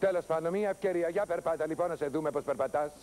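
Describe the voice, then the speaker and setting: An actor playing an exasperated TV producer who nags and lectures a new hire. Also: male voice, fairly high pitch, a little mellow, slight background noise, natural voice. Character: exasperated TV show producer, a middle-aged man. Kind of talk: TV sketch comedy acting.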